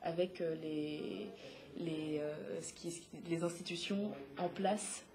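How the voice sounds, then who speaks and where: A woman in her twenties, a playwright and activist, answering interview questions haltingly with frequent filler sounds and restarts. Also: lowish voice, fairly even intonation, darkish tone, slight background noise. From Congo (DRC), raised in France. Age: 20s. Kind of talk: hesitant spoken interview answers.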